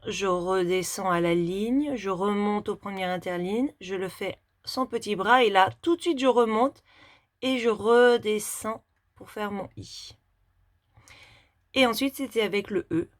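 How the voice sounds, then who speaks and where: Slow, patient French teacher woman. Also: mid-range voice. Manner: slow, step-by-step demonstration while writing. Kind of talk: handwriting lesson for young children.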